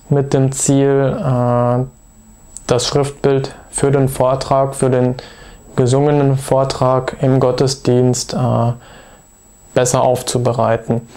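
A man giving a patient, methodical video lesson, pausing often with hesitation fillers as he explains grammar. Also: medium pitch, mellow. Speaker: language teacher.

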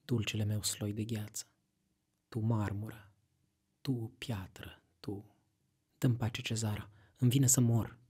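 A dreamy young lover speaks in a hushed, fervent murmur, read by a man. The voice is dark and very husky, and it keeps its breathy softness all the way through, as if pressed close to the listener. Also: on the low side, fairly even intonation, pauses often. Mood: tender.

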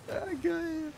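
A man's voice: very high voice, vocal fry, background noise. A young man chatting casually while gaming with friends, throwing crude trash talk and laughing often. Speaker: gamer.

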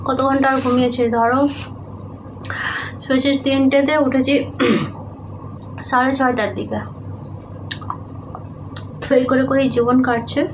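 Soft-spoken woman vlogging at home. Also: high voice, level tone, measured pace, long pauses, background noise. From Medinipur, West Bengal, India. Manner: soft, hushed talk so a sleeping child stays asleep. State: sleepy and sweaty in the heat. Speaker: vlogger, housewife and mother. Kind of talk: casual home vlog narration. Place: small home indoors. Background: background music.

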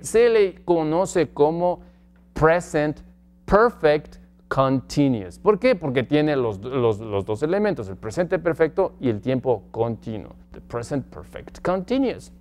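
A man teaching English grammar from slides, slowly stretching out example phrases and asking the class questions. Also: a little high, a little mellow. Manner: slow, drawn-out model phrases in English. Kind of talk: slide-based grammar lesson.

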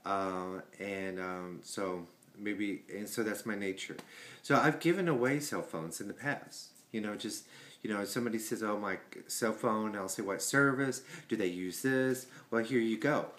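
A man's voice: on the low side, normal speed, a bit bright. A man, chatting casually to a webcam in his living room, rambling with many fillers and restarts. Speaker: vlogger. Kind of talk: casual chat. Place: home living room, indoors. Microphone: webcam at desk.

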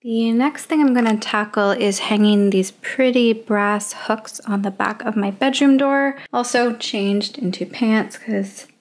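A woman's voice: fairly high pitch, measured pace, hardly any pauses. A young woman from Canada chatting casually through a home organizing vlog, with frequent ums and little laughs. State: out of breath. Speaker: lifestyle vlogger. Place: home closet and bedroom.

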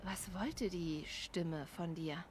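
Measured, determined young huntress. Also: female voice, on the low side, slight background noise. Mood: guarded, curious. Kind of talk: naturalistic video game acting.

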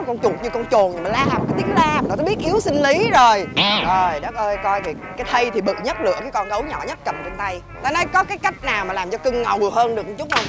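A bossy, flamboyant showbiz manager in a live stage comedy, high and sweeping all over in pitch. She bosses people around and exclaims loudly. Music and a noisy audience fill the background. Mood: fussing. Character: brash flamboyant female manager, bossy and theatrical. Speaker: comic actor in a stage sketch.

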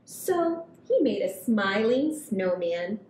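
A picture book is read aloud for small children by a story hour host, a woman in her thirties whose phrasing is expressive and drawn out. The setting is a table in a small indoor room. A headset mic captures her along with a roomy echo and low rumbling noise.

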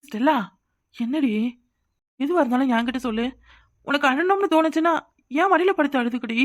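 A woman voicing a cartoon role, talking in a gentle, coaxing, consoling way. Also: sits high, brisk. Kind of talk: cartoon voice acting.

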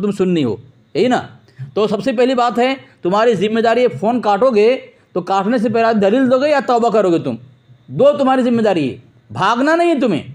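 A man arguing on a phone debate, combative, mocking and repeating himself to interrupt. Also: sits high. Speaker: debate host on phone call. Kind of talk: heated religious phone debate.

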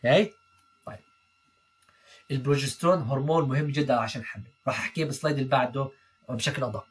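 Man, young adult, slightly husky, very fast lecture, repeats terms, mixes in English jargon. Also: medium pitch. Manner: rapid, repeats key terms, checks in with "okay?" and "تمام؟". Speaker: veterinary student tutor. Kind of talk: recorded lecture over slides.

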